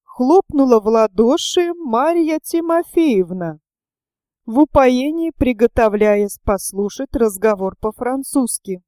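A woman narrating a classic novel in a measured, scripted audiobook reading. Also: sits high, dark tone, no room sound, studio quality.

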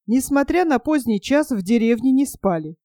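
Casting: woman audiobook narrator, mellow and somewhat high, dry close sound. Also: no room sound. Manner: measured, even storytelling.

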